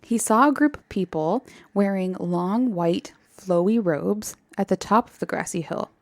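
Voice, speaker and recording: A woman's voice: mid-range voice, measured pace, dry recording. Woman casually retelling a story. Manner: animated, laughs often, acts out quotes. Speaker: podcast host telling a story.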